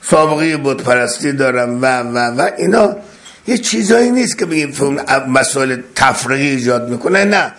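A man gives a religious sermon with a steady, mid-range voice. He declaims each point emphatically, recites Arabic phrases and explains them, and repeats key words for stress. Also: medium pitch. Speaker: preacher.

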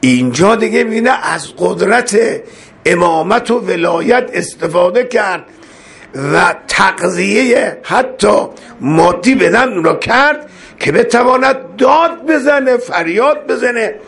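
A man's voice: high-pitched, lively intonation, creaky, a bit bright. A man preaching a religious sermon, reciting Arabic verses and explaining them with impassioned, emotional delivery. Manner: impassioned, voice rising and breaking with emotion.

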